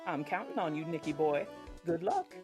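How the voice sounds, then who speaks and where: A woman's voice: low-pitched, big pitch swings, normal speed, music in the background. A woman voicing a doting, sly wife who swears to protect her husband, sugary and theatrical. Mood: sugary scheming.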